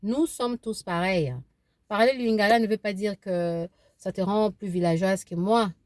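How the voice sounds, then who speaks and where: Her medium-pitched voice has a darkish tone and a moderate pace, recorded with no room sound. She is a vlogger in her thirties from eastern Congo (DRC) whose first language is Kibembe, casually airing opinions to camera from her car while restarting, repeating herself, and using many fillers.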